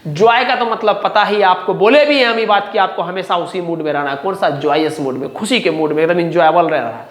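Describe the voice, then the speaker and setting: A man's voice: high-pitched, a little fast. Male teacher drilling words in an echoey room. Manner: repeats each word, checks "clear?" often; asks himself questions and answers them. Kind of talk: vocabulary lesson.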